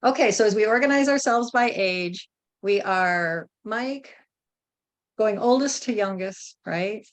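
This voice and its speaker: A woman in her fifties leading a group workshop over a video call, thinking aloud with pauses and frequent checks like "right?". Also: medium pitch. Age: 50s. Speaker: workshop facilitator.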